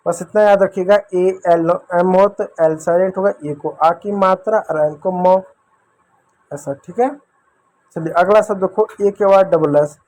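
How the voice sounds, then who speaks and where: A man's voice: high voice, unhurried, darkish tone. A man teaches children to read English. He goes through each rule patiently, repeating letters and sounds step by step. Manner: patient, repetitive step-by-step explaining, addressing children. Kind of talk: phonics lesson for children.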